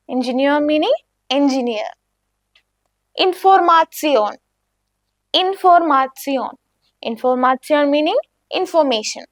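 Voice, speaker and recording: Slow high-voiced woman teaching German. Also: dry recording, studio quality. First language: Malayalam. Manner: slow, clear, repeats each word for the learner. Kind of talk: beginner language lesson.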